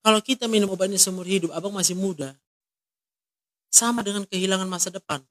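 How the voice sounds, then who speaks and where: High-voiced man counseling with short probing questions. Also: fast talker, a bit bright, dry recording. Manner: direct, asks many short probing questions. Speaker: counselor in a ministry. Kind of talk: one-on-one counseling talk.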